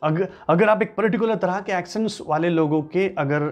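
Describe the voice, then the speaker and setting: A man's voice: high-pitched, a little fast, faint music behind. A man giving an emphatic motivational lesson, repeating and listing key points to drive them home. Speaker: English-speaking coach.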